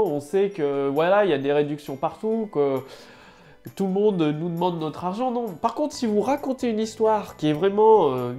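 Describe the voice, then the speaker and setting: An online marketing coach with a head cold gives a loose, casual tutorial to camera, full of fillers and restarts. Her voice is fairly low and warm.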